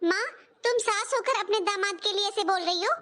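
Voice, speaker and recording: A very high, sharp-voiced young daughter from a cartoon drama who takes offence quickly and argues back. Her tone stays indignant and defensive. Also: a little hiss or hum. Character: young married daughter, touchy, quick-tempered. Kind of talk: cartoon voice acting.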